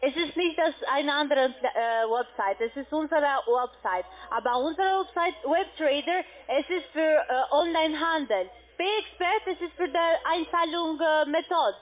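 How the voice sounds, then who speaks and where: Over a muffled, narrow phone line, a high-voiced woman in an office works as a call centre agent for an online trading platform. She gives halting, insistent, step-by-step instructions in a scripted-sounding sales pitch.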